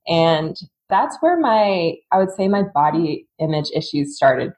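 Speaking a little slowly in a low, darkish voice, this woman is very animated as she shares her story. She's a fitness coach from Singapore in her thirties, a candid, chatty podcast guest who frequently laughs partway through sentences, in a casual storytelling mode.

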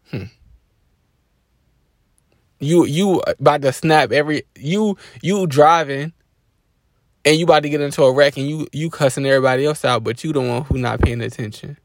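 A man hosting a podcast, giving a casual faith-based motivational talk with a relaxed, preachy delivery and frequent restarts. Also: fairly high pitch, no room sound, studio quality. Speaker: podcast host.

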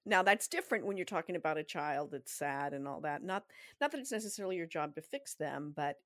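Middle-aged woman cohost, lowish voice, dry close mic, candid and self-mocking. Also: lively intonation, a little fast, fairly bright tone, no echo. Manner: candid, self-deprecating, laughs often. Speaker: podcast co-host. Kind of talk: casual chat.

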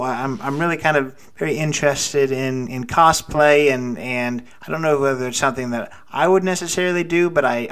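A man's voice: mid-range voice, fairly bright tone. A man hosting a casual interview podcast, often stumbling over and restarting his words. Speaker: podcast host.

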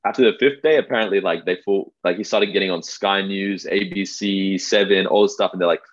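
Laid-back low-pitched man, slightly muffled. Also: fairly even intonation, a little fast. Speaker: podcast co-host. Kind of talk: casual conversational storytelling.

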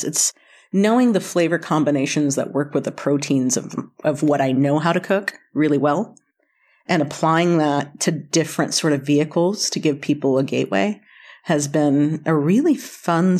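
With a low-pitched, slightly mellow voice at a moderate pace, a woman from North Carolina in the United States shares stories as an interview guest. Her conversational storytelling is casual, chatty and quick to poke fun at herself.

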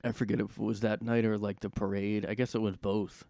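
A man hosting a solo podcast from his room, talking in a rambling, profane way with sudden loud outbursts. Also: lowish voice, flat delivery, brisk, vocal fry, no echo, studio quality. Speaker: podcast host. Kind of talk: casual solo monologue.

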